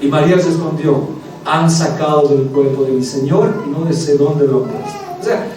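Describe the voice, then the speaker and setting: A man's voice: fairly high pitch, normal speed, dark tone. A male preacher giving an emphatic sermon in a church, calling the congregation his brothers. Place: church hall. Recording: echoey hall, mic from a distance, faint music.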